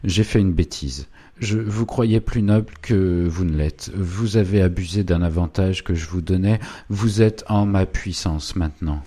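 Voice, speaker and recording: A man's voice: deep voice, a little slow, dark tone, pitched above the performer's own voice. Man putting on a raised, scheming hunchback clerk. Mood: hateful. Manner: bitter, scheming, feverish. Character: spiteful, cunning male hunchbacked clerk.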